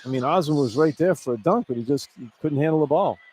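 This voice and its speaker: Over the arena noise of a live college basketball radio broadcast, a male color analyst talks fast, breaking down plays in a conversational way and frequently repeating himself. His voice is fairly high-pitched with a darkish tone, and the audio is poor.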